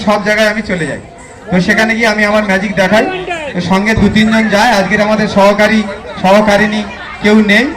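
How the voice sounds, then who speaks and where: High-pitched Bengali kids party magician man, echoey. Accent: Bengali, West Bengal. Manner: kids party magician patter, chatty, counts and chants magic words. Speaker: stage magician. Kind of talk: live magic show patter for an audience. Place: live club function stage. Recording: echoey live PA with music.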